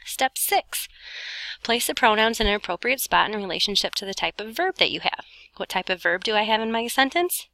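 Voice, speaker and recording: Woman, teacher, bright voice, dry close sound, heavy breathing, short of breath, informal step-by-step grammar explanation. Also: mid-range voice, animated, a little fast, no echo. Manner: breathing heavily while talking; informal, talks students through each step, self-correcting. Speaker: Spanish teacher recording an explanation for students. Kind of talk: step-by-step grammar lesson narration.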